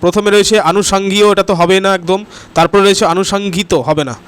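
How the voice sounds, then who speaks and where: Steady, smooth and fairly bright, this West Bengal man's high voice moves at a quick pace as he teaches grammar in an online exam-prep class. Addressing students directly, he repeats "ঠিক আছে?" after answers and "next question" between items, urging comments and likes.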